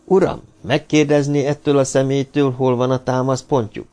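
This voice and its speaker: A man's voice: mid-range voice, flat delivery, mellow, pitched above the performer's own voice, lightly acted. Man voicing an insistent humanoid robot. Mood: firm. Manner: firm, insistent questioning. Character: humanoid male robot, commanding and urgent.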